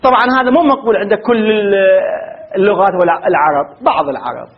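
A man's voice: high voice, fast talker, narrow, tinny audio. A man giving a classroom grammar lecture, quizzing his students with rhetorical questions and repeating word forms aloud. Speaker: grammar teacher.

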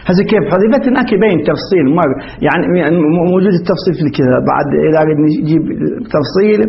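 A man's voice: high voice, vocal fry, lo-fi sound, slight background noise. A man teaching an Arabic grammar class, explaining step by step and putting questions to his students, with many false starts. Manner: explanatory, asks the class questions, frequent restarts.

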